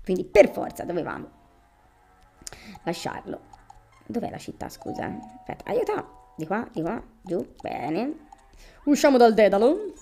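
A woman doing gameplay commentary, thinking out loud as she plays and talking to the characters. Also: on the high side, huge pitch swings, a little slow, gravelly, long pauses. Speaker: video game streamer. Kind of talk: gameplay commentary, reading game dialogue aloud. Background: video game music.

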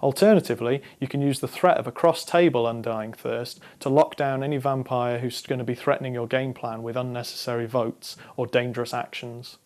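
A young man in his twenties presenting a scripted explainer on card game strategy, talking straight to camera in a measured, instructive way. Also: mid-range voice, fairly even intonation, a little mellow. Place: studio against a dark backdrop.

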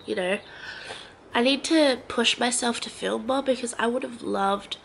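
This congested young Aussie vlogger rambles slowly and hesitantly to camera in her home's living room, using lots of fillers. Her voice is on the high side and gravelly, with a little hiss or hum in the recording from a handheld camera at arm's length.

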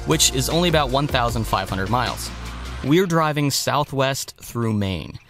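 Brief: man, even narration voice-over, loud music bed. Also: medium pitch, moderate pace. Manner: plain, steady narration.

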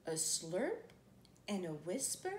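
On the low side and sing-song, this woman's voice keeps a slow pace during an animated picture-book read-aloud. In her thirties, she sits indoors on a living room couch, drawing out words and making playful noises, while a camera a few feet away records roomy, echoey sound with faint noise.

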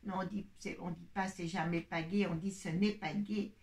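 A woman puppeteer voicing a motherly doll in a children's puppet show, speaking in a calm, soothing tone. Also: on the low side, normal speed, gravelly, far from the mic, pitched below the performer's own voice. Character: motherly doll caring for two bears.

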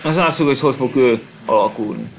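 A man commentating his own game playthrough, calm and hesitant between fights and yelling at the screen during them. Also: mid-range voice, vocal fry, a little hiss or hum. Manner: hesitant with filler pauses when calm. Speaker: gameplay commentator. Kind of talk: let's play commentary.

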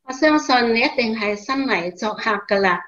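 An actress with a Hong Kong Cantonese accent playing a calm, devout mother in a Bible radio drama, telling her story in a measured, expressive way. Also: on the high side, lo-fi sound. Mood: serene, assured.

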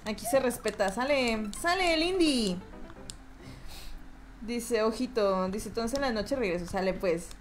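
A woman's voice: on the high side, lively intonation, a little slow, faint music behind. A young woman with a Mexican accent, streaming a game and chatting with her viewers, rowdy, swearing and laughing often. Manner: rowdy, swears and laughs a lot, reads chat aloud. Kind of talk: live gameplay stream chatting with chat.

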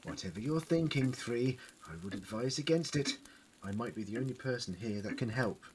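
An actor in an audio drama playing a clever, compassionate time-traveling Doctor who pleads urgently. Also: male voice, medium pitch, expressive, moderate pace, a little hiss or hum, lightly acted, low-quality recording. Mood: measured, wary. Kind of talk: fan audio drama acting.

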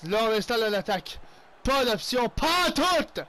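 A young man with a Québécois accent giving excitable play-by-play commentary on his own hockey video game, mixing in English exclamations. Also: extremely high pitch, unhurried. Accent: Québécois French. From Quebec. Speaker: gaming YouTuber.

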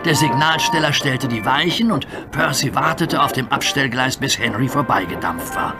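A man narrating a children's cartoon story in a lively storytelling manner. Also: mid-range voice, normal speed. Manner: animated, storytelling. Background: music.

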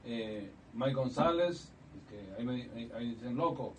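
A man's voice: mid-range voice, expressive. Chatty middle-aged man, heard from afar. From Ecuador. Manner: chatty, halting with many restarts, laughs easily. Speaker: musician guest. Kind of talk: casual interview chat. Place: small radio studio, indoors. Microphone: studio desk mic, recorded from a far camera. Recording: distant mic, faint room noise.

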